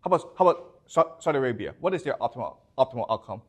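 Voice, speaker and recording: Male lecturer, animated delivery, restarts and repeats words, keeps asking the class whether they follow. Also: mid-range voice, very fast. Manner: checks in constantly with the class.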